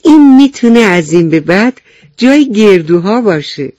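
A man's voice: a little high, expressive, darkish tone, no echo, highs cut off, faint music behind. A man voicing an eager, honest young boy mouse in a children's story. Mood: earnest.

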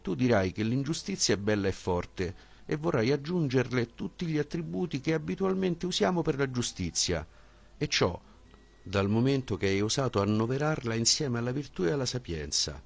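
A man reading a philosophical dialogue as an audiobook, with a measured, questioning delivery. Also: medium pitch, very animated, vocal fry, husky. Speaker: audiobook reader.

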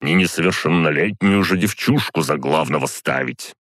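Stubborn bossy old count, read by a male narrator; slow, indignant delivery, dry booth sound. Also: rumbling low, fairly bright tone, dry recording. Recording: dry close studio sound.

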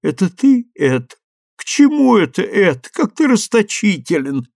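A high, shrill young new mother, nervy and fragile, her voice leaping all over, as a man reads her part in a storybook. The voice has a gravelly edge, close and dry. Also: very animated, a little slow, a little mellow, dry recording, exaggerated voice. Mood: fond. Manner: shrill, tipping into hysterics.

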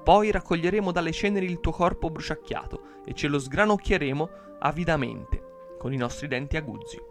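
A man voicing a horde of ravenous demons, shouting greedily and menacingly. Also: a little high, a little fast, soft background music, natural voice.

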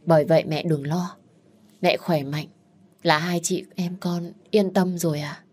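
A woman's voice: lowish voice, fairly even intonation, a little slow, darkish tone. A woman voicing a responsible young elder daughter who steadily reassures her family. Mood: resolute. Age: young adult.

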